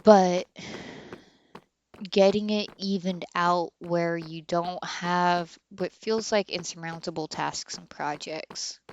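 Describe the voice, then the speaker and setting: A woman's voice: lowish voice, slight background noise. A woman in her thirties streaming a game, chatting candidly and rambling with many fillers. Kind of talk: casual chat while streaming a game.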